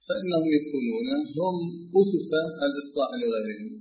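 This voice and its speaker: A man's voice: on the high side, lively intonation, quick pace, a little hiss or hum. A man talking with a sheikh in a scholarly discussion. He sets out his points one by one and stresses them firmly. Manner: emphatic, argues point by point. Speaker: student questioning a sheikh. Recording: dull old lo-fi tape.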